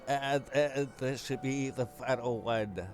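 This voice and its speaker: A man narrates a gaming video walkthrough slowly at medium pitch, casually musing aloud while the game's music runs behind him.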